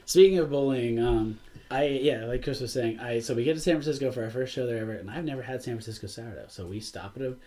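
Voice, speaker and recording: A man in a band telling tour stories in a casual, laughing podcast chat. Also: mid-range voice. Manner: animated, laughing, quick storytelling. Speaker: band member. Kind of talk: casual storytelling.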